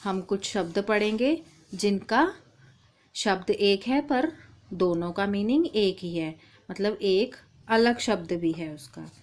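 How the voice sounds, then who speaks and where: A woman's voice: medium pitch, lively intonation, takes it slowly, slight background noise. A woman teaching a primary-school language lesson, patiently calling the child "beta". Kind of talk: slow, deliberate primary-school Hindi lesson.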